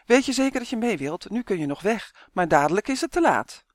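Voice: medium pitch, big pitch swings, fairly quick, dry recording, studio quality, natural voice. A Dutch audiobook narrator voicing a brave, practical young boy who talks in an earnest, determined way. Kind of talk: audiobook character voice.

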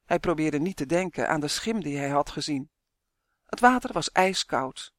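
Steady, clear children's storybook narrator; mid-pitched, dry studio sound. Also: normal speed, no room sound. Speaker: audiobook narrator.

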